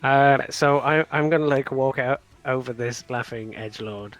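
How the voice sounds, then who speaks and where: A man's voice: mid-range voice, moderate pace, fairly bright tone, poor audio. A man playing a tabletop game, laid-back and joking as he describes his character's moves. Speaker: player.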